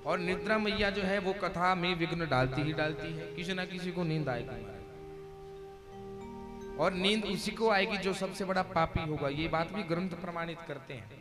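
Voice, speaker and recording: Speaking at a normal pace in a voice on the high side, this male Bhagavata katha preacher delivers a devotional sermon to people seated before him at a religious gathering. Jovial and teasing, he orders them to chant and keep still, while loud devotional music fills the live recording.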